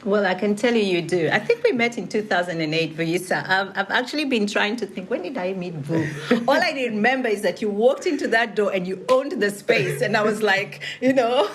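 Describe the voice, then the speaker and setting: A woman's voice: mid-range voice, brisk, hardly any pauses. A woman with a Kikuyu Kenyan accent hosting an interview podcast. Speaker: podcast host. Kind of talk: scripted introduction and warm interview chat.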